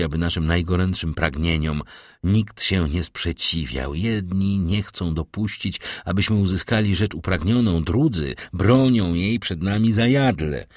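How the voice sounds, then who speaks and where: A man's voice: on the low side, darkish tone, no room sound, studio quality. Man reading a grave, brooding prosecutor. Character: grave tormented male prosecutor, middle-aged, brooding. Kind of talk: audiobook character reading.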